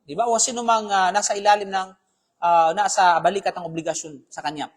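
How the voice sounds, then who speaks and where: Husky-voiced male preacher, conversational. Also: high-pitched, fairly even intonation, a little fast. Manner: conversational, keeps asking "di ba?", mixes in English phrases. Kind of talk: live Islamic talk on marriage.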